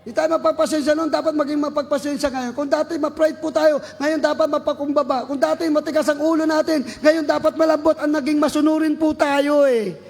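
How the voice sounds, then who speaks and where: High-pitched Filipino preacher shouting praise. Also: male voice, steady tone, a little fast, vocal fry, hardly any pauses, big-room sound. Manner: exhorting, bursts into shouted praise. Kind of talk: sermon.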